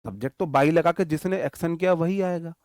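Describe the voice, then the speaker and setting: Male grammar teacher, fairly high pitch, patient dictation, frequent check-ins, dry studio sound. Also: darkish tone, dry recording. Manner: slowly dictates example sentences word by word; checks in often with the class. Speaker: English teacher. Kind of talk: online grammar lesson.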